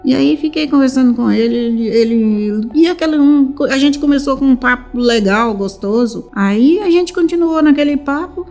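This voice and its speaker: Warm-voiced São woman recounting. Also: high voice, normal speed, few pauses. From São Paulo, Brazil. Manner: rambling retelling, many restarts, acts out the dialogue. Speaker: mother of a missing teenager. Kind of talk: emotional personal testimony.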